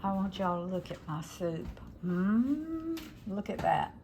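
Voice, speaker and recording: An older woman, hosting a home cooking show and talking homey and unhurried to her viewers. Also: medium pitch, big pitch swings, vocal fry, warm tone, reverberant, slight background noise. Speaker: cooking channel host. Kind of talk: casual cooking demonstration. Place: home kitchen. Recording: kitchen with clattering dishes.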